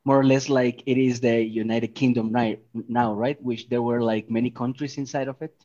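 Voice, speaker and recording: A man's voice: mid-range voice, steady tone, moderate pace, mellow, no room sound, dull audio. A man from Mexico with a Mexican accent, a native Spanish speaker hosting a podcast in a casual, chatty style. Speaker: podcast host. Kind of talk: casual chat.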